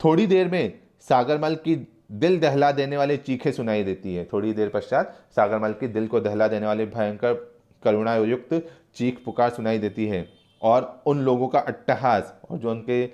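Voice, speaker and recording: Man teacher reading a play out loud, then breaking each line down simply. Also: medium pitch, normal speed. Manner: reads a line, then paraphrases it. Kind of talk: reading a play aloud and explaining it.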